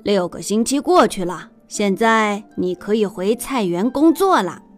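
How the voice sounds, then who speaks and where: A gentle doctor speaks in a calm, lowered voice, played by a woman reading aloud. Each line is soothing and patient. It suits a warm children's storybook. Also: measured pace, soft background music, lightly acted. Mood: reassuring. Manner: gentle, reassuring. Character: kind, calm village doctor.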